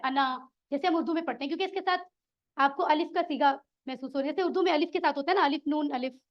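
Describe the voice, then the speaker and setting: A woman leads a classroom lesson in a very high voice. She keeps encouraging her students and asks them questions. The recording sounds dull and lo-fi. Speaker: Quran Arabic teacher.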